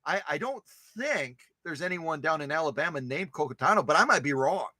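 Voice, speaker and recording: A high, bright male voice that swings widely in pitch as he chats on a casual livestream. He greets viewers and reads their comments aloud in a playful, animated way, often repeating a phrase. The sound is dry and close, with no room echo. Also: fairly quick. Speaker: host of a sewing machine restoration channel.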